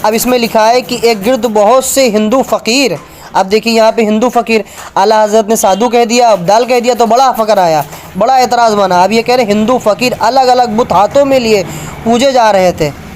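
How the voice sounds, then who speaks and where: Casting: high-pitched man, polemical preacher reading from books, faint room hiss. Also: normal speed. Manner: argumentative, points at book pages for viewers. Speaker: religious speaker.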